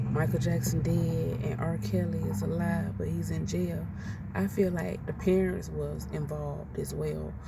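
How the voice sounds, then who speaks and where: A woman's voice: lowish voice, gravelly. A woman, ranting her opinions in a blunt, outspoken, profane way. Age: 40s. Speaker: commentator ranting on a podcast. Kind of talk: casual opinion rant. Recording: noisy, distant from the mic.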